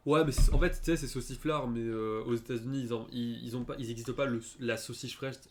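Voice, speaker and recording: A man's voice: mid-range voice, steady tone, fast talker, darkish tone. Chatty young French-accented man streaming. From France. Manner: chatty, hesitant, lots of fillers and restarts. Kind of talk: casual gaming chat.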